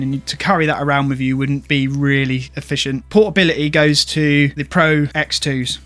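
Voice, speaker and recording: A man's voice: fairly high pitch, a bit bright. Chatty man reviewing gaming headsets. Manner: chatty, plain-spoken. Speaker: tech reviewer. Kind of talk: casual product review. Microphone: gaming headset mic.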